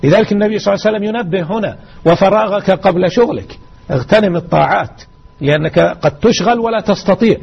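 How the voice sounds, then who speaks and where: A male religious teacher exhorts his listeners and drives home key words by repeating them. His voice is gravelly and husky, a little high for a man. It comes through as a muffled radio broadcast. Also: fast. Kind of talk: explaining a hadith lesson.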